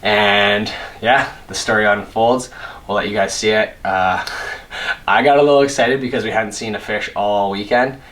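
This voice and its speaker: Young male fishing vlogger, deep voice, laid-back and chatty to camera. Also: normal speed. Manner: relaxed, chatty, self-deprecating. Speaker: fishing channel host. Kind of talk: casual direct-to-camera intro.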